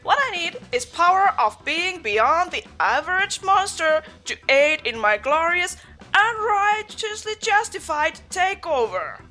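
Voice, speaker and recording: Woman playing a bright, forceful demon princess. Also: very high voice, big pitch swings, unhurried, faint music behind, voice pushed up, heavily acted. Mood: imperious. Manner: grandiose, declamatory. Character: belligerent, power-hungry demon princess.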